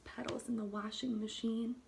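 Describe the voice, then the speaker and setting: Reading a storybook to young children, a kindergarten teacher speaks in short, expressive phrases and stops now and then to ask the listeners questions. Her voice is on the high side, level, and creaky. The audio is poor, with slight background noise.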